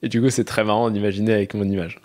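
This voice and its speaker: Man, low voice, podcast guest, casual quick remarks, laughs along. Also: flat delivery, darkish tone. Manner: brief reactive comments, laughing. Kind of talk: casual chat.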